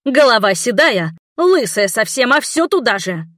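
A woman's voice: mid-range voice, fairly quick, dry recording, clean studio sound, close to an everyday voice. Woman doing a bossy, fiery nun. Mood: angry. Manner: insistent, loud and scolding. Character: bossy, hot-tempered middle-aged nun.

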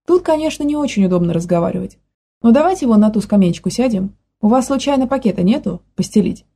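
A woman's voice: mid-range voice, animated, quick pace, warm tone, a little hiss or hum, close to an everyday voice. A woman reading the part of a determined young woman who keeps pressing with questions. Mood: coaxing. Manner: firm, persistent questioning.

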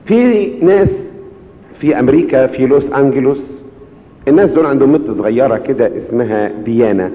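A man preaching in Egyptian Arabic, telling miracle stories and acting out the voices of the people in them, with pauses for the congregation to answer. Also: mid-range voice. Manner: acts out the people in his stories with rising voice, call-and-response pauses. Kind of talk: storytelling sermon. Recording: tinny phone-like sound in a long-reverb hall.

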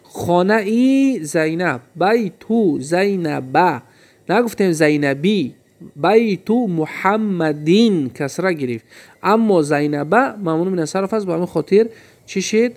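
A male teacher giving a grammar lesson, stretching out example words slowly and asking questions that he then answers himself. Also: high-pitched, animated, a little mellow.

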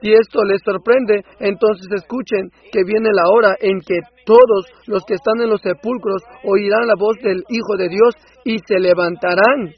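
A man dubbing a sermon in an impassioned preaching manner that swells into loud outbursts, on a dull lo-fi recording. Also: high-pitched, steady tone, a little slow, few pauses, husky. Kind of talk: Spanish voice-over of a sermon.

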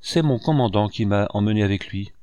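A shifty former soldier turned informer, speaking in plain, matter-of-fact replies, as a male reader gives him voice. The voice sits fairly low and dry, close to the reader's own. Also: brisk, dark tone, clear, resonant tone, no room sound, muffled recording, close to an everyday voice.

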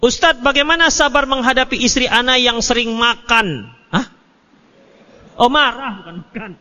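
A male Islamic preacher giving an animated study lecture, answering questions and acting out little dialogues with joking asides. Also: very high-pitched, normal speed. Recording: muffled hall recording with long echo.

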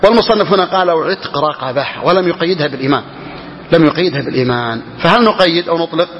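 A man teaching Islamic law to a class, reading lines slowly and repeating key phrases as he explains. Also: fairly high pitch. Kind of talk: classroom lesson explaining a legal text. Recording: dull lo-fi recording with hall reverb.

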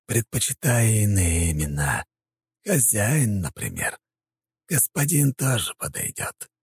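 A man's voice: on the low side, very animated, unhurried, slightly rough, no room sound, pitched above the performer's own voice, exaggerated voice. A man voicing a sly, oily male puppet-master spirit that speaks through a prisoner, mocking and gloating.

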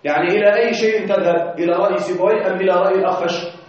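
A high-voiced man teaches an Arabic grammar class, repeating each example slowly and asking his students whether they follow. He chants quoted verses in a recitation tone. The recording is dull and distant, with a very echoey room around him. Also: steady tone.

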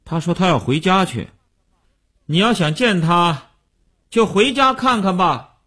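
A man's voice: sits high, unhurried, husky, pitched above the performer's own voice, full character voice. A man reading as a cool, detached pianist. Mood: calm. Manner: even, detached tone. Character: calm, cool adult male pianist.

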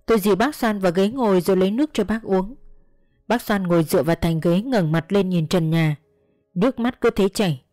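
A woman storyteller narrating a first-person tale in a steady, measured, earnest way. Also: mid-range voice, no echo, clean studio sound, faint music behind.

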